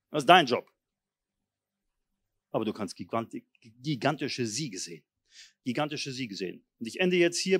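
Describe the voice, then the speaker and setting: A man preaching a charismatic sermon, moving between low, intense murmurs and loud, forceful exhortation in a blunt, colloquial manner. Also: no room sound, clean studio sound. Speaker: pastor.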